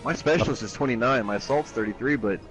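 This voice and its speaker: Wry man with a medium-pitched voice. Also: soft background music. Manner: wry, quick reactions. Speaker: podcast co-host. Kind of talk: casual gaming chat.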